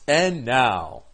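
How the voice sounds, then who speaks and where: Joking, profane man with a lively voice. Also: mid-range voice. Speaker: podcast co-host. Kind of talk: casual chat about comic books.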